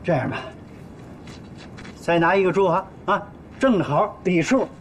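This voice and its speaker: An actor playing a sly, cowardly tax collector who bargains with and taunts a widow, with music under. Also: male voice, sits high, lively intonation, measured pace, slight background noise. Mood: pushy. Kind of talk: TV drama acting.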